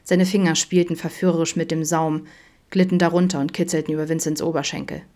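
A woman reading an audiobook aloud in a calm, soft, even manner. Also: deep voice, fast talker. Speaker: audiobook reader. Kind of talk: audiobook narration.

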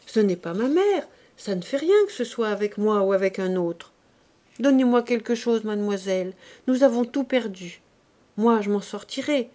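A woman's voice: fairly high pitch, warm tone, natural voice. A woman reading the lines of a sullen young peasant man who pleads for charity in a whining voice.

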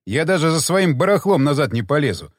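A man voicing a cynical, callous frontiersman in a storybook reading, gruff and dismissive. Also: a little high, very animated, brisk, no echo, clean studio sound. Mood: scornful.

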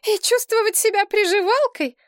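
A woman voicing a hysterical middle-aged widowed mother who wails and sobs in shrill outbursts. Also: moderate pace, dry recording, clean studio sound. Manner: shrill, wailing, sobbing outbursts.

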